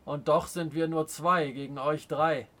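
A man's voice: fairly high pitch, fairly even intonation, bright, forceful tone. A man voicing a proud, stern Native chief in an audiobook, speaking in a scornful, commanding way. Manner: scornful, commanding, slow and weighty. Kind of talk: audiobook character reading.

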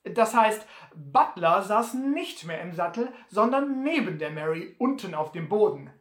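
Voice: medium pitch, unhurried. An audiobook reader narrating an adventure novel and acting out each character. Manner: lively, acts out each character. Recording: roomy echo.

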